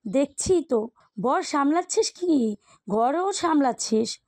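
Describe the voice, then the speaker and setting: A woman voicing a lively, teasing young woman in an audio love story. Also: high voice, slow, dry recording, studio quality, exaggerated voice. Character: teasing young woman, the heroine's friendly cousin.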